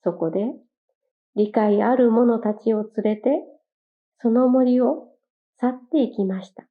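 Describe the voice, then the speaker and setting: Storybook narrator, woman, gentle and clear, fairly high voice, muffled lo-fi sound. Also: slow. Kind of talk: children's fable narration. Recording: dull lo-fi recording.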